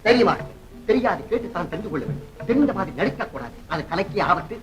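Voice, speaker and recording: An actor playing a pompous, eccentric art master who talks in a theatrical way in a classic film. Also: male voice, high-pitched, sing-song, fast talker, over music.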